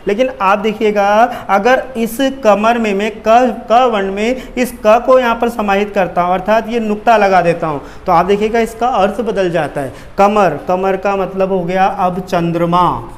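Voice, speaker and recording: Man, teacher, exam-prep grammar lesson, high pitch, asks and answers his own questions. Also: normal speed, hardly any pauses. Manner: explains at a board, asks questions and answers them himself.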